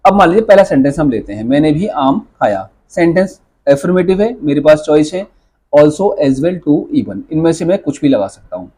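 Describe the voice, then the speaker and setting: Husky Hindi-speaking man teaching English. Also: fairly high pitch, sing-song, brisk, warm tone. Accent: Indian. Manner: explains step by step with frequent rhetorical questions and "right?". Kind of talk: spoken English lesson.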